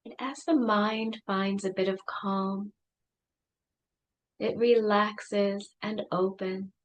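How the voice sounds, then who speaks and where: A woman leading a guided meditation, speaking softly and soothingly with long pauses. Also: mid-range voice, fairly even intonation.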